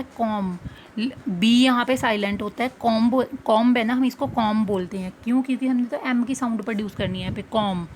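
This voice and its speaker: A woman teaching phonics in a slightly high voice. She keeps asking the class questions and answers each one herself. A faint hiss sits under the recording. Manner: asks the class questions, then answers them. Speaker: English teacher. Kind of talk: explaining phonics step by step.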